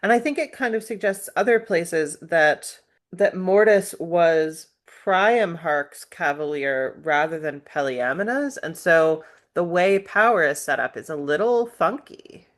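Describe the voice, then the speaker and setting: A woman with a notably low voice co-hosts a relaxed book-club podcast. She works through the text in a measured, analytical way and keeps raising questions. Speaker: podcast co-host.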